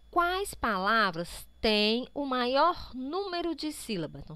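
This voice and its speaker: A woman's voice: fairly high pitch, fairly bright tone, clean tone, dry recording. A woman teaching young pupils with a Brazilian Portuguese accent, patiently walking through a workbook, drawing out words to sound out syllables and often checking in with the children. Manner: constant tag checks to pupils. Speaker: primary school teacher. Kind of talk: remote class walkthrough of a workbook.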